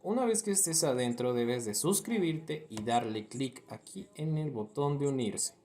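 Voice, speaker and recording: A man from Mexico teaching an online exam-prep lesson, explaining step by step, spelling out syllables slowly and checking in with "¿ok?". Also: medium pitch, expressive, darkish tone, a little hiss or hum.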